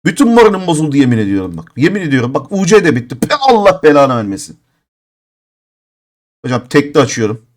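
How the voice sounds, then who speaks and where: Quick and very animated, his voice a little high, a man in his thirties chats casually during a live mobile-game stream. Frustration builds as he goes, and he swears in exasperated bursts.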